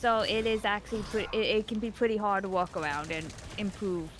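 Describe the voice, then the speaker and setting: A woman's voice: medium pitch, fairly quick, a little hiss or hum. Woman who says W for R. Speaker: guest on a game stream. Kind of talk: casual chat during a game stream.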